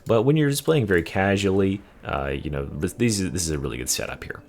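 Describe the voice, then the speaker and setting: A man's voice: low voice, animated, a little fast, creaky, a little mellow. A young man giving casual gameplay commentary, explaining a build in a loose, swearing way with lots of fillers. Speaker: game build guide creator.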